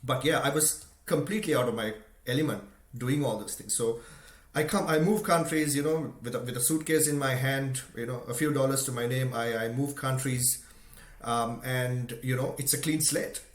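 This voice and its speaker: A man's voice: medium pitch, moderate pace. A man from Sri Lanka giving an earnest, conversational motivational talk, full of "you know" and "right?". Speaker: motivational speaker. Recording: echoey room.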